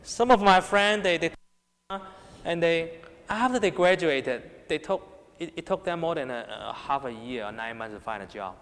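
A man's voice: fairly high pitch, lively intonation, normal speed, a bit bright. A man with a Hong Kong Cantonese accent preaching a sermon to young people, emphatic, often raising and dropping his voice and checking in with rhetorical questions. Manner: rhetorical questions, repeated check-ins with listeners. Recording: long hall reverb.

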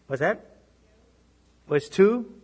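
With drawn-out words and an animated delivery, a minister with a Boston accent gives a sermon in a husky, somewhat high voice. He keeps turning to his congregation with "right?" and shifts from emphatic climbs to hushed, lowered repetitions.

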